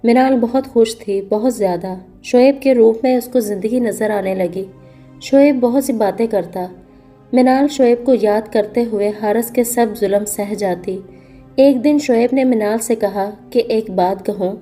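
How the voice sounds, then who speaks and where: Dark-voiced woman narrating a story. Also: on the high side, soft background music.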